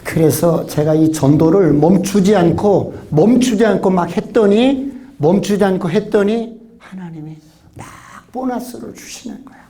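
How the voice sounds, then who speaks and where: A man preaching a revival sermon, telling his testimony with emotion and often dropping to a hushed whisper. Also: sits high, normal speed. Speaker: pastor.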